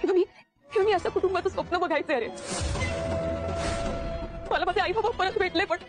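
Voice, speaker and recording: A woman's voice: extremely high pitch, moderate pace. An actress playing a tearful, self-pitying young woman who pleads and repeats herself in a TV serial. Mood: pleading. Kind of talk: TV serial drama. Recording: TV clip with loud music.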